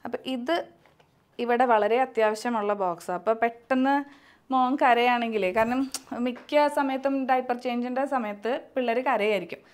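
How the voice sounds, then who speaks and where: With a fairly high voice at a normal pace, a young mother chats through a vlog demonstrating her baby gear in the nursery at home. She coaxes her crying baby in a sing-song way while another person films.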